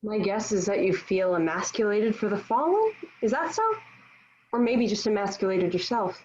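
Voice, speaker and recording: A woman's voice: mid-range voice, animated, normal speed, a little mellow, slight background noise, natural voice. A woman playing a devout, defiant young Joan of Arc in a dramatic table read, speaking in formal, declamatory period phrasing. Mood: defiant, scornful. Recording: dull lo-fi virtual-meeting audio.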